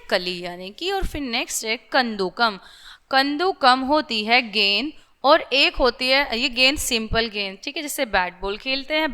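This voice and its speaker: A woman's voice: on the high side, pushed and bright, clean tone. A woman teacher going through a vocabulary list for young children, saying each word several times, asking "theek hai" again and again and mixing in English words.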